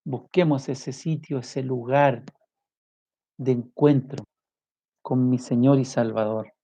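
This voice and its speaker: A man preaching a sermon with passion, firing off rhetorical questions and swinging his voice high and low. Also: fairly even intonation, takes it slowly. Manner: impassioned, rhetorical questions, big swings in pitch and loudness. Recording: muffled lo-fi recording.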